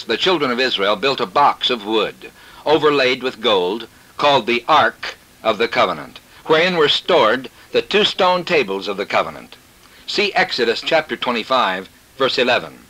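A male preacher delivers a scripted sermon on scripture in a bright, forceful voice of average pitch, with formal, measured phrasing and declarative statements. The poor audio sounds like an old cassette tape recording.

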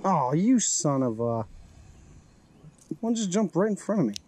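This fishing vlogger is a young man with a mellow, higher-pitched voice that swings widely in pitch, though he keeps a measured pace. Relaxed and joking, he swears freely as he fishes from a small boat on a lake. The action-camera recording carries slight hiss or hum.

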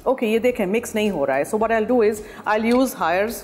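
A middle-aged woman chef giving a brisk cooking demonstration in a TV studio kitchen, switching between two languages. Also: on the high side, a little mellow. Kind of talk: cooking demonstration in mixed Urdu and English. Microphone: lapel. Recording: roomy studio with faint music.

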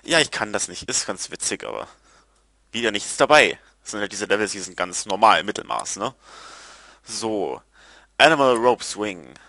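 Excitable man narrating his gameplay. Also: on the low side, moderate pace. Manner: excitable, yelps and groans at failures; curses casually. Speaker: let's player. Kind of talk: casual gameplay commentary.

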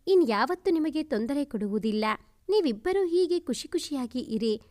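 Sorry young woman pleading softly, woman reading her part, high voice, storybook. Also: lively intonation, normal speed. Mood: remorseful. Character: young woman, remorseful and gravely ill. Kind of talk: storybook narration.

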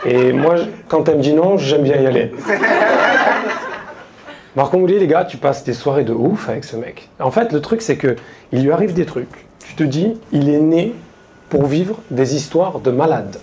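A man doing stand-up, telling a story in a casual, slangy way to a live audience, quoting his friends in quick asides. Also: fairly high pitch, lively intonation, warm tone, a little hiss or hum. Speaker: stand-up comedian. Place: stage before a live audience.

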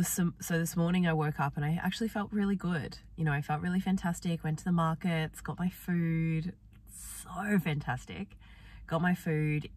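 A woman vlogger talking softly and gently in a reflective personal diary, her voice affected by a sore, swollen throat. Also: sits low, distant mic. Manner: soft, gentle, meandering, with many fillers.

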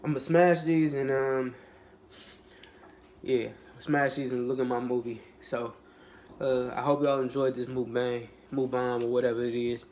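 Young guy with a cold rambling thru a mukbang vlog, kinda flat and chill, bit of hiss behind. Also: normal speed. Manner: rambling, relaxed, many fillers and restarts; low-energy, laid-back. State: has a cold. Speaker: YouTuber. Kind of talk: casual mukbang vlog talk.

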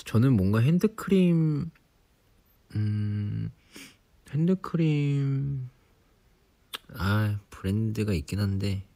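A young man in his twenties, relaxed and chatty on a sleepy late-night livestream, teasing himself for nagging like an elder. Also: lowish voice, vocal fry, husky. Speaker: idol livestream host. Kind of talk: casual livestream chat. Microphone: phone or device mic, voice-only live.

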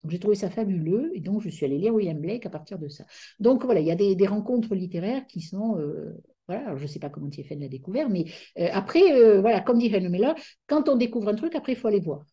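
A middle-aged woman giving an academic lecture over a video call, hesitant and often pausing to search for words. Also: mid-range voice, expressive, mellow, slightly rough, highs cut off.

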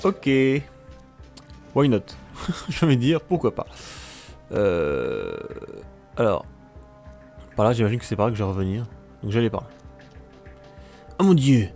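Playful male let's-player, talks to viewers, swings up and down in pitch, soft music under him. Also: lively intonation, normal speed, long pauses. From France. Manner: joking, exclaims at the action, talks to viewers. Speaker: let's play commentator. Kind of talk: casual gameplay commentary.

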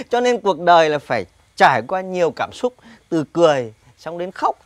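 A woman's voice: lowish voice, big pitch swings, normal speed, dry recording. A woman playing a young pupil who giggles constantly while answering politely and cheekily. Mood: giggly.

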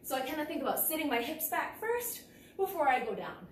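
Calling out moves in short, clipped cues as she exercises, a young woman instructs a kickboxing class, her exertion audible. Her voice sits high with big pitch swings and a fairly quick pace. The camera is across a large, matted martial arts gym, so the audio is echoey, distant and noisy.

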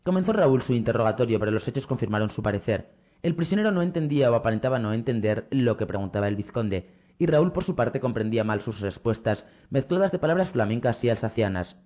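A man reading a novel aloud as an audiobook narrator in a measured, steady way. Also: medium pitch, lo-fi sound. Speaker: audiobook reader. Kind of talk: scripted narration.

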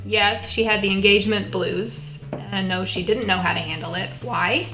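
An actress playing a blunt, hurt friend who also narrates a scripted web series. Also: female voice, medium pitch, normal speed, over music, close to an everyday voice. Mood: wry.

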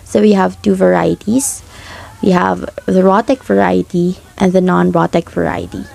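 A young woman, a student reading a class presentation in a steady, explanatory way and slowing down to sound out example words. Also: lowish voice, creaky. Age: young adult.

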